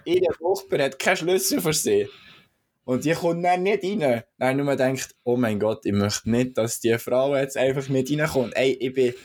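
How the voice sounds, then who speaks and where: A man from Switzerland with a Swiss German accent, co-hosting a casual podcast chat and telling a story with lively acted-out moments. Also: medium pitch, moderate pace. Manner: animated storytelling, acts out shouting. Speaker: podcast co-host.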